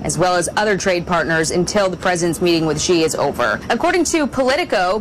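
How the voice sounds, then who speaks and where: A woman filing a steady radio news report. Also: medium pitch, slight background noise, rough recording. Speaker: news correspondent.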